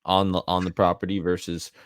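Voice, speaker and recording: Low-voiced relaxed man, dry podcast mic. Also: brisk, smooth, no room sound. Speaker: podcast co-host, real estate agent. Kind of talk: casual podcast chat.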